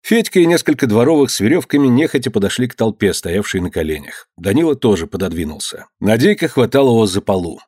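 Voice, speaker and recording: Man, audiobook narrator, expressive storytelling, animated pitch, dry studio. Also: fast talker, hardly any pauses, husky, no echo. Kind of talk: audiobook narration of a historical tale.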